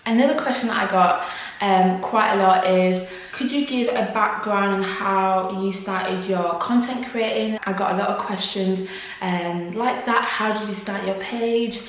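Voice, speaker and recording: A woman's voice: mid-range voice, measured pace. Young woman YouTuber, casual Q&A to camera, lots of fillers, strong room echo. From Congo. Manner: chatty, laughs often, many fillers.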